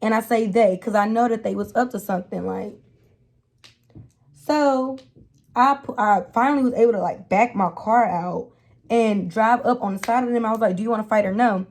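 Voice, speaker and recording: A woman's voice: fairly high pitch, normal speed. A young woman telling a personal story in a casual, slangy, dramatic way as a vlogger. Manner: animated, slangy, dramatic retelling.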